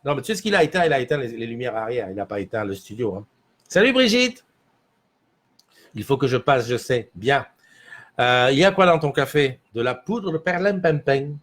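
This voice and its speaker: A man's voice: mid-range voice, fairly quick, fairly bright tone. A man hosting a casual morning livestream from a small studio, rambling and answering viewer comments as he reads them. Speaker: livestream host.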